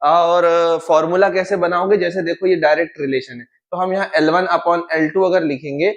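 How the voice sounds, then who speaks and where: Young man, informal physics coach, slightly high voice, lively asides, casual exam-prep lesson. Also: moderate pace. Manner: lively, chatty and informal, mixes in English terms and playful asides. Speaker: physics teacher.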